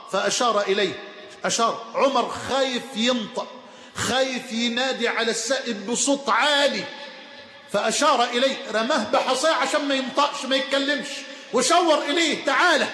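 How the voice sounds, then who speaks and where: A man with an Egyptian accent delivering a Friday sermon, impassioned, swinging between shouts and hushed tones, in a mosque. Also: very high-pitched. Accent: Egyptian Arabic. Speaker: preacher. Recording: echoey hall with faint ambient noise.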